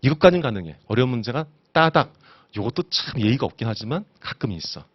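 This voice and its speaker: A man's voice: mid-range voice, sing-song, quick pace, slightly rough, no echo, lo-fi sound. A man teaching an exam-prep lecture, constantly asking his students rhetorical questions. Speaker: instructor.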